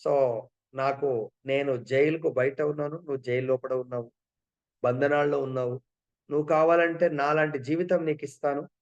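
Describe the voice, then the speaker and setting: A man's voice: mid-range voice, fairly even intonation, normal speed, dull audio, close to an everyday voice. A man voicing a wise wandering sage who coaxes and scolds his friend in a familiar way. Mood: coaxing.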